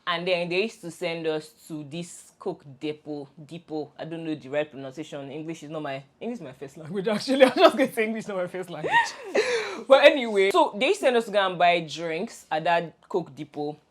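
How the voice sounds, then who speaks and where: A young Nigerian podcast co-host talks a little fast with hardly any pauses, her voice on the low side, and a bit of hiss or hum is audible. Chatting casually with her best friend, she tells stories with animation, laughs often, and keeps restarting.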